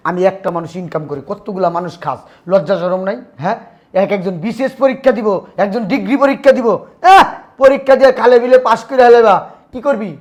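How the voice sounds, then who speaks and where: A harsh older brother, played by a man, who scolds dismissively. His voice sits fairly high and moves at a brisk clip. He sounds bossy and contemptuous throughout. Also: darkish tone, natural voice. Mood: scolding.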